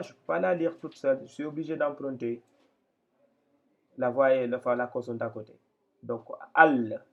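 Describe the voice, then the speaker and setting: A man giving a slow step-by-step reading lesson, hesitating, repeating phrases and spelling out syllables. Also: medium pitch, gravelly, a bit bright. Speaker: Quran reading teacher. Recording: dull lo-fi sound.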